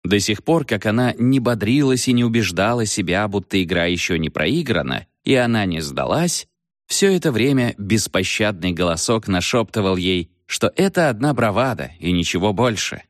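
A man narrating an audiobook with a low voice, reading expressively with lively swings in pitch. The recording is dry and close, with no room sound. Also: normal speed, no echo. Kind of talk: scripted narration.

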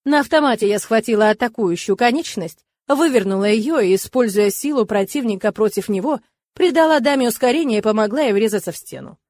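A young woman tells a first-person fantasy tale in a lively, wry voice. Her voice is on the high side and sounds dry and close, with no room around it. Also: fairly quick, dry recording. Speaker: audiobook narrator.

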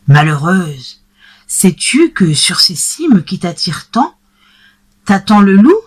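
A woman's voice: fairly low pitch, very animated, unhurried. A woman voicing a worried, protective older farmer pleading with his goat, in a storybook reading. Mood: anxious.

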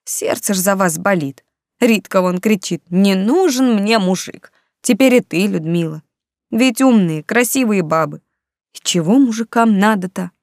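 A woman's voice: mid-range voice, animated, unhurried, a little mellow, no room sound, voice pushed up. A woman voicing an elderly grandmother who lectures her granddaughters in homespun sayings, read in a dry, close recording. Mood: fretting.

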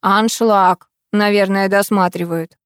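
A woman's voice: medium pitch, fairly even intonation, takes it slowly, smooth, no room sound, studio quality, natural voice. Woman doing a gloomy old grandfather. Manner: grumbling, sorrowful.

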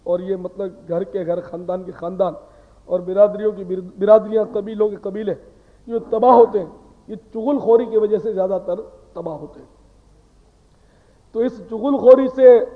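A man giving a sermon, talking in an earnest, conversational way that lectures and asks rhetorical questions. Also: high-pitched. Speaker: preacher. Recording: tinny phone-like sound with long hall reverb.

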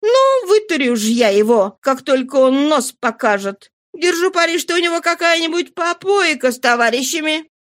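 A woman's voice: sits high, sing-song, normal speed, hardly any pauses, a bit bright, pitched above the performer's own voice. A woman voicing a flighty, impatient young woman who scolds and exclaims. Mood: irritated.

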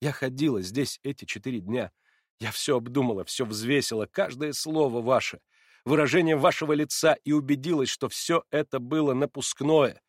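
A man's voice: medium pitch, moderate pace, no room sound, clean studio sound, lightly acted. A man voicing a proud, wounded young woman who speaks in impassioned reproach, in an audiobook reading. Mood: bitter accusing.

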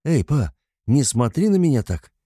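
A man's voice: mid-range voice, big pitch swings, normal speed, mellow, slightly rough, no room sound, studio quality, voice pushed up. A man voicing a nervous, defensive young man who is someone's adult son, in an audiobook. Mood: flustered. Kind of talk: audiobook character voice.

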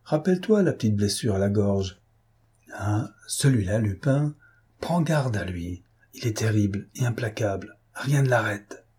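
A man reads as a brutal baron, all menace and insistence, his voice low and husky. He pushes his threats without letting up. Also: a little slow, warm tone. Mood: grim.

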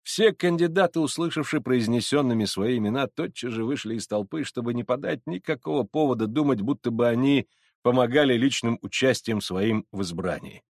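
A man's voice: medium pitch, brisk, a little mellow, dry recording, clean studio sound. A man narrating a classic story, reading expressively. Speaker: audiobook narrator. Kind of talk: scripted narration.

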